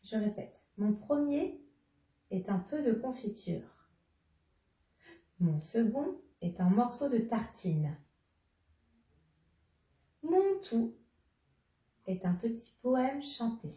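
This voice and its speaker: Slow, patient woman teacher in a roomy room. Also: fairly high pitch, very animated, warm tone. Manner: slow, patient, addresses a child directly, repeats clues. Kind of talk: children's lesson, riddles. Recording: roomy, somewhat distant mic.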